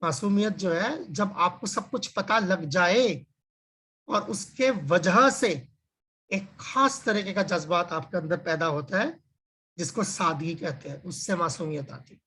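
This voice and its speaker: A man's voice: sits high, sharp tone, a little hiss or hum. A man teaching a religious scripture class over a video call, explaining with everyday examples and rhetorical questions. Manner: frequent filler phrases and restarts, slows to stress key words. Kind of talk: conversational religious lecture.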